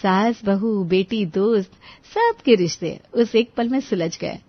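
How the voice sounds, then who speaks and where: A woman storyteller narrating a scripted story in an expressive, dramatic way. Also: medium pitch, a little slow, dry recording, lo-fi sound.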